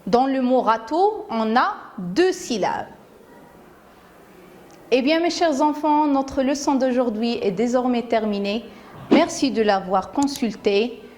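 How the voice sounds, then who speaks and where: A woman's voice: a little high, lively intonation, slow pace, darkish tone. A woman teacher gives a phonics lesson to young children. She says each word carefully, repeats it, and breaks it into syllables. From Morocco. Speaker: primary school teacher.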